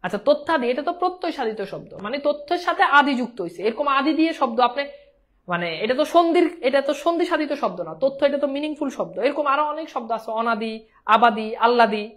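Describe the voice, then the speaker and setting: A woman's voice: high voice, lively intonation, fast. A woman teaching an exam-prep grammar class, often checking whether her students understand and mixing English words into her speech.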